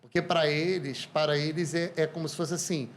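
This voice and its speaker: A Brazilian man, a podcast guest, telling lively anecdotes in casual conversation. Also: fairly high pitch, normal speed, a little hiss or hum. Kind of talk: casual storytelling.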